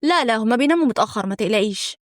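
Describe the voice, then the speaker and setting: A woman's voice: a little high, expressive, racing, no echo, clean studio sound, natural voice. A woman voicing a curious, kind young woman with an Egyptian accent, talking eagerly and persuasively.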